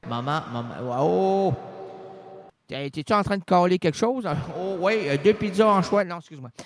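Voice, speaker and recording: A man's voice: high voice, normal speed, in a large hall. A man, rambling absurdly through an improvised comedy sketch. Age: 40s. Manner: rambling, absurd, switching between voices.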